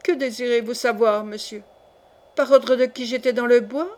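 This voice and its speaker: A woman's voice: a little high, steady tone, normal speed, natural voice. A woman voicing a proud male nobleman under torture, mocking and crying out in turn. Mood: exasperated. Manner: mocking, then crying out in pain.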